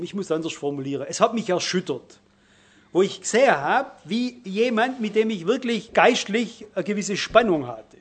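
A middle-aged man preaching a sermon. He speaks emphatically, slowing and swelling on key words before dropping quiet again. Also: on the high side, breathy edge.

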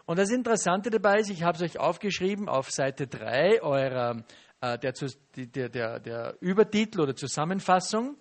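A man preaching a teaching sermon, lively and asking the listeners questions. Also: on the high side, moderate pace. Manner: lively, asks the audience questions and acts out quotes.

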